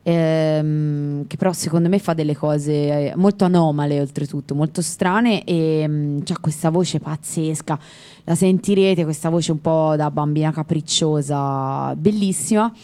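A woman's voice: sits low, unhurried, mellow. A woman co-hosting a music radio show, chatting casually and wandering off on tangents. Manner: chatty, digressive, laughs easily. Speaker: radio co-host.

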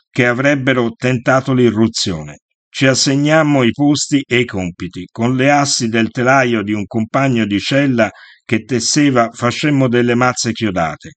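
A man narrating a first-person memoir in a steady, measured storytelling voice. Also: mid-range voice, dry recording.

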